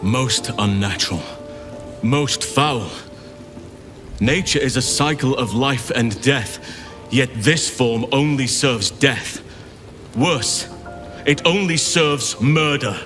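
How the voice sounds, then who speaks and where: A man's voice: mid-range voice, slow, long pauses, fairly bright tone. A man playing a righteous druid leader in a video game, grave, commanding and declamatory. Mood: solemn disgust. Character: big druid leader, righteous, solemn, angry protector of nature. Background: game music.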